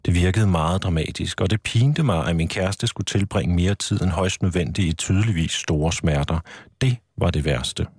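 A man, the author, reading a passage from his own book aloud in a studio in a calm, measured way. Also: low voice, slightly rough, dry recording. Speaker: author guest.

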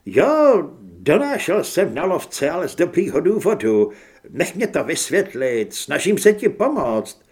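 A man's voice: a little high, animated. Guy doing a jumpy pleading hunter, voice up a bit, audiobook. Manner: raised, pleading, placating. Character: nervous pleading male fellow hunter.

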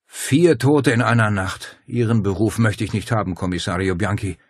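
A man's voice: lowish voice, moderate pace, breathy edge, no room sound, clean studio sound. A man voicing a courteous, anxious older clergyman in an audiobook, polite and solicitous in manner. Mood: concerned. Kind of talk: audiobook character voice.

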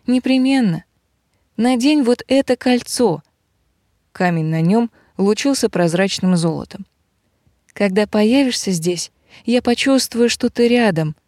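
A woman reading an audiobook, voicing a calm, devoted male dragon who speaks slowly and softly. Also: on the high side, dry recording, studio quality, pitched above the performer's own voice. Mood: tender. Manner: slow, soft, reassuring.

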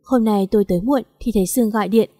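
A woman reading a first-person story aloud in a calm, even storytelling manner. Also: medium pitch, fast, dry recording, clean studio sound. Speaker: story narrator. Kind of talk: scripted story narration.

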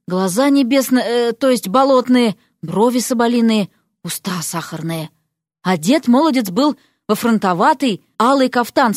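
A woman narrating a fairy-tale audiobook in a lively, playful way. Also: a little high, dry recording, clean studio sound.

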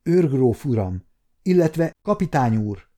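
A man's voice: mid-range voice, big pitch swings, mellow, close to an everyday voice. A man voicing an earnest, polite young male page who stumbles over forms of address. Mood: eager, polite.

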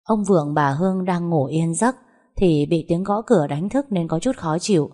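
A woman narrating a family drama story in a steady, even storytelling manner. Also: lowish voice, moderate pace. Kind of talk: scripted audio-story narration.

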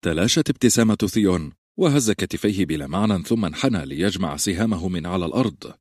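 A man reading a novel aloud as an audiobook narrator, with steady storytelling. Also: low voice, fast, husky, no echo, clean studio sound. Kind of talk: scripted narration.

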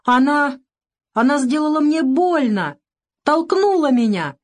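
Brief: woman reading as a tearful hurt small boy, high and sobbing, storybook. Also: lively intonation, takes it slowly, heavily acted. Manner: sobbing, wailing. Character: crying hurt little boy, two and a half.

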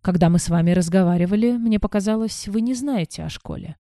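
A composed garrison captain in a storybook reading, calm and matter-of-fact, as a woman reads him. The voice is low and gravelly, with a dark, mellow colour. The sound is dry and close. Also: fast, no echo, close to an everyday voice. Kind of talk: audiobook character reading.

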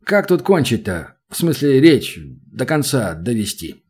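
A male audiobook reader plays a skeptical ranger. He drawls slowly with a husky tone, always doubting what he hears. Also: medium pitch, very animated, a little mellow. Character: skeptical male forest ranger, wry and grumbling.

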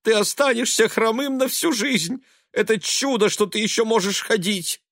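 A man doing a shrill fretful mother. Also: normal speed, a bit bright, no room sound, studio quality. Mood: alarmed. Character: anxious fussing middle-aged mother.

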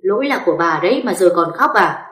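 A woman's voice: lowish voice, moderate pace, natural voice. A stern old father-in-law, as a woman narrator puts him on, scolding and reproachful in a raised voice. The sound rings in an echoey room.

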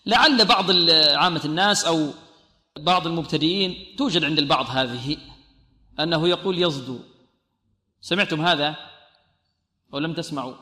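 Bright, fairly high-voiced man teaching recitation; quizzes students, drills sounds slowly; echoey, reverberant room. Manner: asks questions and answers them himself, models pronunciation slowly. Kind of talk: tajweed lesson on radio.

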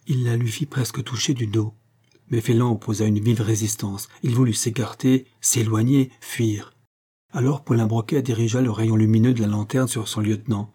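Male audiobook reader, dark mellow tone, husky, steady dramatic narration. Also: fairly low pitch, moderate pace. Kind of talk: scripted narration of a pulp novel.

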